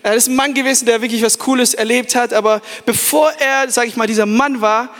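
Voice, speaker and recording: A young man, a youth pastor, giving an animated, hype sermon to a live audience in a large hall, with restarts and English fillers. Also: very high-pitched, fairly quick. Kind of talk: energetic sermon. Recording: echoey hall.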